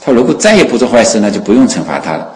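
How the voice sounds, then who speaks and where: A man telling a story as a sermon, in an animated way full of fillers and exclamations. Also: on the low side, very fast, echoey room, in a large hall, poor audio.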